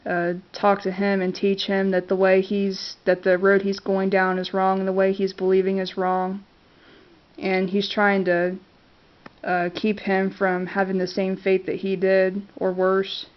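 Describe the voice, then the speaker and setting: Reviewing movies she loves, this congested woman chats to her camera in a monotone, mid-range voice at a measured pace. Her delivery is hesitant, packed with fillers and false starts, all captured in dull, lo-fi camera sound.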